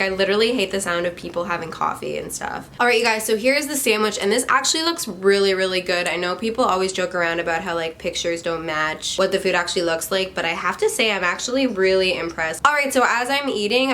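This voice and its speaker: A young woman vlogger, a bit hoarse from a cold, chatting casually to the camera while eating, full of "like" and "you guys". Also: medium pitch, a bit bright, slight background noise. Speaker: YouTube vlogger. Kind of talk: casual mukbang vlog talk.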